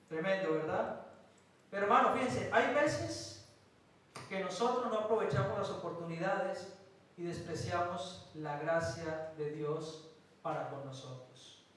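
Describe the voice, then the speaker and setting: Male pastor from Colombia, higher voice, emphatic sermon delivery, recorded from a distance in a church hall. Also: fairly bright tone. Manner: preaching with emphatic pauses and rhetorical questions.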